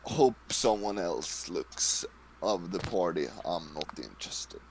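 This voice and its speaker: Blunt young man with a low voice. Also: lively intonation, takes it slowly, vocal fry, a little hiss or hum, rough recording. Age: young adult. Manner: blunt, offhand. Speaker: player. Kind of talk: casual chat.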